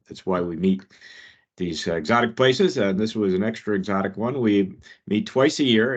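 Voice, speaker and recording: A man presenting updates informally as host of a work meeting on a video call. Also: fairly low pitch. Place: online meeting. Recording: dull, lo-fi video call audio.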